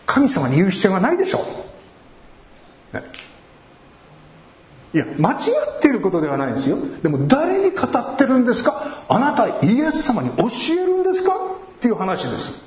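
A male pastor preaching a sermon in a conversational way, asking rhetorical questions and rising sharply in pitch for emphasis. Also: huge pitch swings, a little fast, pauses often, a little hiss or hum. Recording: echoey room.

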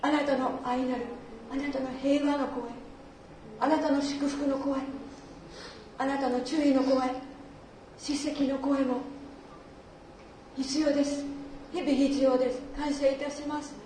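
High-voiced woman praying from afar. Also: little pitch movement, darkish tone, slight background noise. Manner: slow, reverent, halting phrases. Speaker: prayer leader. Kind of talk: spoken congregational prayer. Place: church worship hall. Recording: distant, very echoey church hall.

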